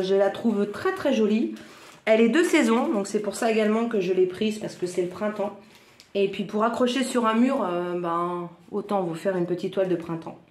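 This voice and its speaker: Woman, northern French accent, crafts vlogger, chatty, enthusiastic, mid pitch, echoey room. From northern France. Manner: chatty and enthusiastic, full of little exclamations. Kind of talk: casual product unboxing. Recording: roomy echo.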